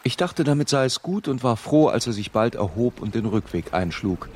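A man narrating a literary radio drama in a measured, grave first-person voice. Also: medium pitch, lively intonation, a little mellow, breathy edge.

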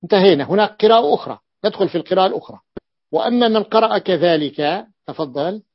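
A sheikh teaching a grammar class, his voice a little high and full of gravel. He explains patiently and says key phrases twice. The recording is dry and lo-fi, with no room sound. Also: lively intonation, fast, no echo.

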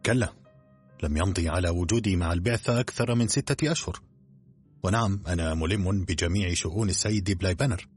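Male reader as a plain, informative secretary; deep and husky, light music under. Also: quick pace. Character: thin-faced male secretary, matter-of-fact.

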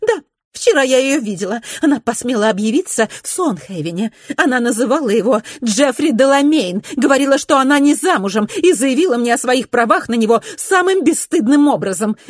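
A woman voicing an excitable young society widow who talks in a high, breathless, gushing rush. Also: brisk, dry recording, clean studio sound. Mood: indignant.

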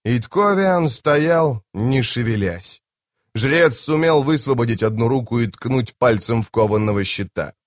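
Expressive male fantasy audiobook narrator. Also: mid-range voice, measured pace, no echo, studio quality. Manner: dramatic, expressive. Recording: home-made audiobook.

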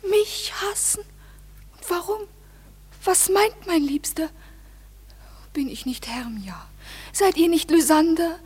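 An actress playing Hermia, a jilted young woman in a classic radio play, swinging from bewildered to shrill rage. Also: a bit bright. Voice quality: shifts from bewildered to shrill and raging.

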